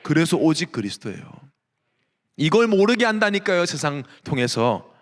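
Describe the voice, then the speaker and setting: A man's voice: fairly high pitch, normal speed, long reverb tail. A male pastor preaching a sermon to young adults, telling stories and firing off rhetorical questions. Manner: animated storytelling with rhetorical questions. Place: church sanctuary.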